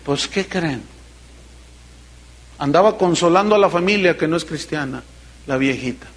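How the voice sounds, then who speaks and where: A man's voice: on the high side, lively intonation, moderate pace. A middle-aged Mexican man preaching a sermon as pastor, telling folksy, personal stories with teasing, earnest remarks. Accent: Mexican Spanish.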